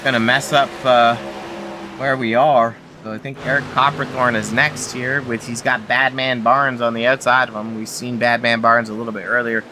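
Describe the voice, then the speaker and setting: Bright-voiced Canadian race caller. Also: male voice, medium pitch, level tone, normal speed, a little hiss or hum. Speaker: lead commentator. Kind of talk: sim racing commentary.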